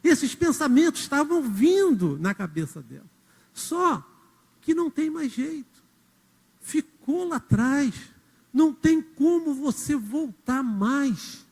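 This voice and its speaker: A man preaches in a church hall, his high voice rising and falling with lively storytelling. Long reverb from the hall trails each phrase as he speaks directly to the congregation. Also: slow. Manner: storytelling, acts out quotes, addresses the congregation directly. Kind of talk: sermon.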